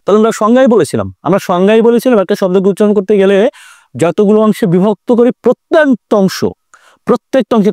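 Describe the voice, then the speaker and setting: High-voiced man teaching grammar. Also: darkish tone, no echo, studio quality. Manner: repetitive, explanatory, drawn-out emphasis. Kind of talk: online grammar lesson.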